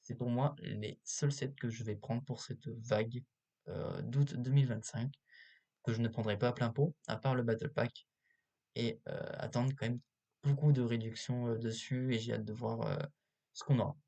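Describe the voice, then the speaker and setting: A man giving casual, unscripted video commentary as a host, halting often with filler sounds, recorded on a cheap built-in laptop microphone. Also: mid-range voice, fairly even intonation, creaky, warm tone. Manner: hesitant, halting delivery with many filler pauses. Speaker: YouTube host reviewing toy sets.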